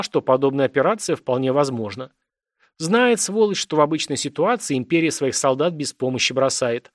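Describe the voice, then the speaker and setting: A man's voice: on the high side, no echo, studio quality, natural voice. A man voicing a blunt, streetwise former army scout with a lightly mocking manner, read as an audiobook character. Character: ailing ex-army male scout, blunt and wry.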